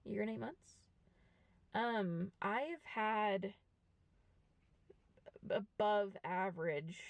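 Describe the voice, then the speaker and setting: A woman in her twenties talking frankly and reflectively to a camera, with many pauses. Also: mid-range voice, vocal fry, no echo. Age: 20s. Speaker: vlogger. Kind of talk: candid personal monologue to camera. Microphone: camera mic.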